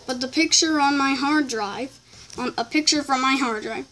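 High female voice, casual comment read-aloud, halting, rambling, off-the-cuff replies. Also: fairly bright tone, slight background noise, poor audio. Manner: halting, rambling delivery with self-corrections. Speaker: video creator reading viewer comments aloud.

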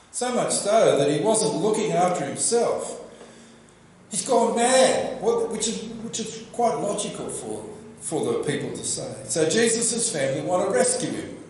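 An older Australian man preaching a sermon at a church lectern, telling the story in a lively way and asking the congregation questions. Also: high-pitched, measured pace. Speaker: pastor. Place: church hall with projection screen. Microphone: lectern microphone. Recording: very echoey church room.

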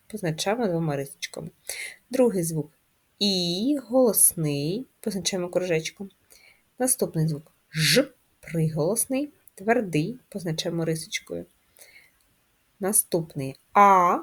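A woman primary school teacher, who gives slow, clear lessons to young children in a patient, sing-song manner, asking questions and spelling out sounds one by one. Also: medium pitch.

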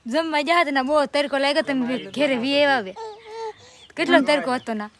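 Gujarati woman, very high voice, rapid welcoming chat, crowd noise. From Gujarat, India. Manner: brisk, welcoming, talkative. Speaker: visiting relative. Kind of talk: casual conversation.

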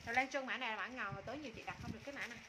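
High-voiced woman selling on a live stream. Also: rapid-fire, background noise. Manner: repetitive, informal sales patter. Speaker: live-stream clothing seller. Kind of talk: live sales chat, pitching items and calling out customers. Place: small indoor room with curtains.

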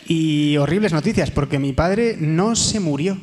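A young man performing a live stand-up monologue, telling stories with hushed whispers and sudden loud bits. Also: on the high side, unhurried, a little hiss or hum. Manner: storytelling, swings between hushed whispers and loud sung bits. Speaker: stand-up comedian. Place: theater stage before a live audience.

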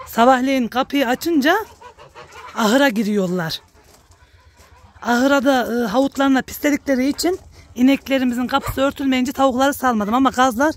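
A woman vlogging about her village life, chatting warmly with her viewers and calling out to her animals in a high coaxing voice outdoors. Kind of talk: casual vlog narration to viewers. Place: outdoors at a village farmyard and garden.

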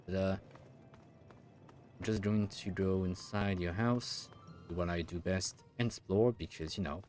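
A man's voice: low voice, fairly even intonation, unhurried, darkish tone, soft background music. A man in his thirties giving casual, hesitant, musing commentary as he plays a video game. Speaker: gaming streamer.

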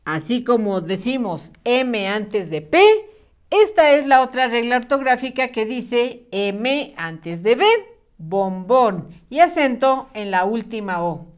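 A woman, teaching young children how to spell. Her voice is a little high and moves up and down a lot. She speaks slowly and clearly, patient and encouraging. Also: lively intonation. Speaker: primary school teacher.

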